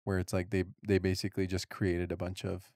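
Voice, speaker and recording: A man's voice: low-pitched, completely flat delivery, a little fast, darkish tone, no room sound, clean studio sound. A young adult man co-hosting a podcast, teasing and joking in casual chat. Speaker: podcast co-host.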